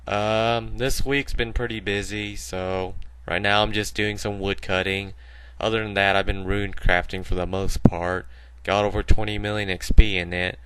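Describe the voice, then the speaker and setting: Guy with a kinda low bored sounding voice just rambling over his gameplay footage, lots of um and like. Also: flat delivery, normal speed, a bit bright, slight background noise, poor audio. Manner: rambling, filler-heavy musing. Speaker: gaming video host. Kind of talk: casual voice-over commentary over gameplay.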